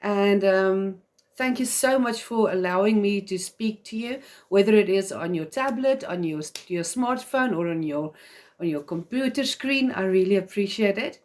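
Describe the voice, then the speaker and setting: Expressive and slightly mellow, her medium-pitched voice moves at a normal speed. The host, a native Afrikaans speaker with a South African accent in English, talks to mothers on a live stream in a sincere, chatty way, often using fillers.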